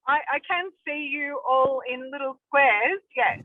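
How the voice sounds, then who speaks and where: A woman's voice: high-pitched, unhurried. A woman calling in hands-free from her car, chatting in an enthusiastic, affirming way. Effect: hands-free phone call from a moving car. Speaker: meeting participant. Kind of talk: casual video-call chat. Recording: tinny phone line from a car.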